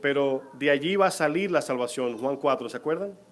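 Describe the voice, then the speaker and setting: Male pastor, sermon in church, asks the congregation questions, mid-pitched voice. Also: a little fast. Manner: preaching to the congregation, asking questions.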